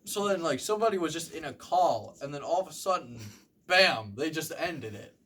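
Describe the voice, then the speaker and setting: A young man doing rambling stand-up comedy, halting with ums and likes and acting out the voices of people in his stories. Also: on the high side, animated, a bit bright, slight background noise. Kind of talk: rambling comic storytelling.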